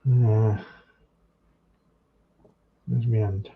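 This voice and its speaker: A man's voice: lowish voice, level tone, drawn-out words. A man with a Hull accent talks casually to himself, thinking aloud as he works at a hands-on task. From Hull, England. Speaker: hobbyist presenter demonstrating model making. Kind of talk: casual muttered talk while working. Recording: muffled, clearly noisy room recording with clicks.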